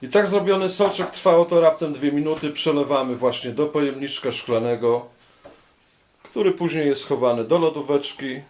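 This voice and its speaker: A man's voice: fairly high pitch, normal speed, darkish tone, echoey room. A man with a Polish accent casually demonstrates something at home as a pet owner, speaking a little hesitantly and using affectionate diminutives. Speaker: pet owner presenting homemade juice for parrots.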